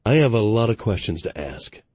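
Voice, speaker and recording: A man's voice: on the low side, sing-song, brisk, darkish tone, no echo. A man reading a doubtful starship commander. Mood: questioning. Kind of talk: audiobook narration.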